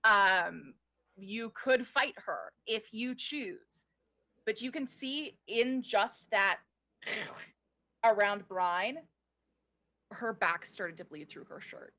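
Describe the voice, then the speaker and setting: A woman running a tabletop game as game master, narrating and explaining rules in a playful, informal, halting way. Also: mid-range voice, pushed and bright.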